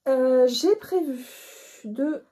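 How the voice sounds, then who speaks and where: A woman's voice: high voice, drawn-out words, warm tone. A middle-aged woman hosting a knitting podcast, chatting casually with frequent hesitations and restarts. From northern France. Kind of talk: casual chat to camera.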